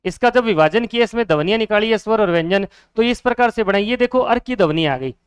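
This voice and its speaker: A man's voice: high voice, expressive, fast talker, smooth, no echo. A man teaching a Hindi grammar lesson for exam students, asking questions and answering them himself, repeating each key word.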